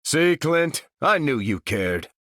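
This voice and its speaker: An actor with an American accent playing a noble, steadfast veteran super-soldier in a video game, speaking with earnest, measured authority. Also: male voice, fairly high pitch, sing-song, pushed and bright, no echo, clean studio sound, exaggerated voice. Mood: resolute. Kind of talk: video game character voice lines.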